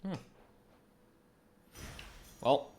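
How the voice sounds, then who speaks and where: A man's voice: drawn-out words, darkish tone, a little hiss or hum. A man giving casual commentary as he plays a video game. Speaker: gamer, let's player.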